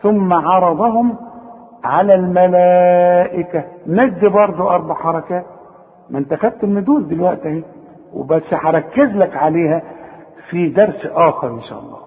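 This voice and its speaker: A man with an Egyptian Arabic accent teaching Quran recitation, explaining rules in everyday talk and breaking into slow, drawn-out chanted recitation. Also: a little high, lively intonation. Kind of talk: recorded lesson with recitation. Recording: tinny phone-like sound with long reverb.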